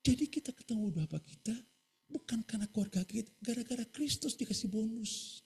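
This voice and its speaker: A man preaching a sermon in a very husky, breathy voice. He speaks high and swings his pitch widely. He keeps checking in with the congregation and urging louder amens. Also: fairly quick. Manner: animated, often asking the congregation "right?" and urging louder amens. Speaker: pastor.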